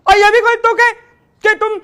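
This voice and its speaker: A woman's voice: very high-pitched, flat delivery, normal speed, sharp tone. A young woman plays a defiant daughter arguing back in a comedy drama. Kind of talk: scripted comedy drama dialogue.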